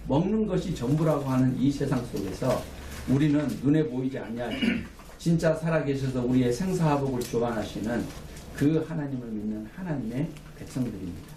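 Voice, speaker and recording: A man's voice: medium pitch, mellow, recorded from a distance, a little hiss or hum. A man preaching a sermon as pastor, with emphatic calls for amen, recorded from afar in a small room. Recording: echoey room, mic from afar.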